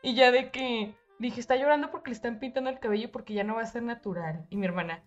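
Young Mexican woman, high-voiced, animated storyteller, casual podcast chat. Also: fast, dull audio, soft background music. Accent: Mexican Spanish. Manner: animated storytelling with slang and English mixed in.

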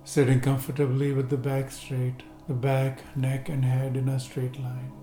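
A man guides a seated meditation with relaxation instructions, speaking slowly and gently and letting long pauses fall between them. His mellow, dark, middle-pitched voice is delivered completely flat, with roomy echo and faint soft music in the background.

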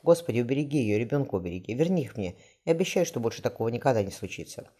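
A man's voice: medium pitch, expressive, rapid-fire, warm tone, lightly acted. A man reading the lines of a desperate young husband begging forgiveness. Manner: desperate, pleading.

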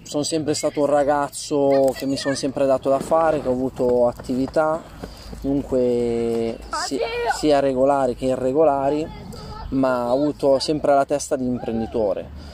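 A man giving informal, halting testimony as an interview guest outdoors, rephrasing as he goes, his voice slightly muffled by a face mask. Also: medium pitch, fairly even intonation, dark tone. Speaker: interview guest telling personal experience. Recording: faint outdoor ambient noise. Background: outdoor ambient noise.

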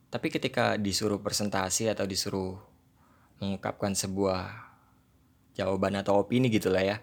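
A man in his twenties with a South Jakarta accent tinged with Javanese, chatting casually in a solo podcast in self-deprecating, rambling Jakarta slang sprinkled with English. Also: on the low side. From Indonesia, South Jakarta. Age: 20s. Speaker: podcast host.

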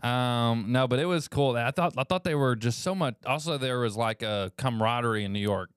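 A man's voice: mid-range voice, fairly quick, clean tone, no room sound, studio quality. A man co-hosting a comedy podcast, chatting casually with loose, profane storytelling. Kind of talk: casual chat.

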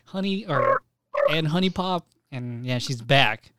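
A man's voice: fairly high pitch, lively intonation, a little slow, very noisy. A man co-hosting a podcast in casual chat, laid-back and swearing freely as he reads names off a list. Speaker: podcast co-host.

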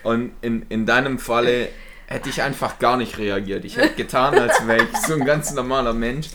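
A man's voice: mid-range voice, normal speed, a bit bright, slight background noise. A young man hosting a casual podcast chat, jokey and slangy, mixing in English words. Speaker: podcast co-host.

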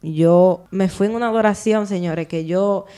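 A young woman, sharing her testimony in a lively, playful way on a casual chat show. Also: medium pitch, moderate pace, clean tone. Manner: lively storyteller, playful and animated. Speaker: podcast co-host.

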